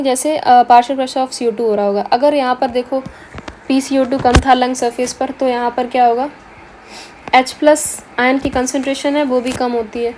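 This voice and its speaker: High-voiced woman teaching biology. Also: warm tone, a little hiss or hum. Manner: asks rhetorical questions and answers them herself. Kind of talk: explanatory lecture.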